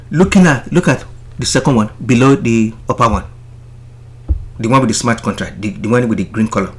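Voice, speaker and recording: A man's voice: mid-range voice, fairly bright tone. A man narrating a finance explainer video, stressing and repeating his key points for emphasis.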